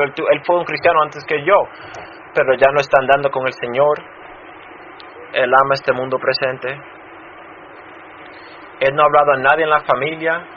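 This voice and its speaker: A man who grew up in Chicago and serves as a pastor, giving a personal testimony in a sermon, halting and restarting often. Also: a little high. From Chicago, United States. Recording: dull muffled sound with faint noise.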